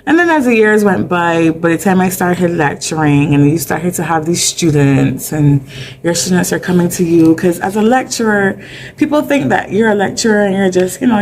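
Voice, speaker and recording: A woman's voice: on the low side, lively intonation, moderate pace, a little mellow, slight background noise. A middle-aged woman with a Barbadian accent speaking candidly in an interview, with many fillers. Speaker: mental health advocate guest. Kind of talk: conversational interview.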